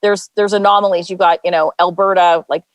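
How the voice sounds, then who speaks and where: A woman's voice: fairly low pitch, steady tone, a little fast, clean tone, dry recording. Female panelist, easygoing, hedging delivery, dry recording. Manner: conversational, hedging with "I think". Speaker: political panelist. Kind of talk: casual panel chat.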